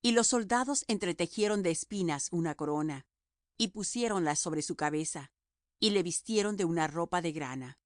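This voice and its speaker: A woman narrating a scripture audiobook in a measured, solemn reading. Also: on the low side, no echo, studio quality.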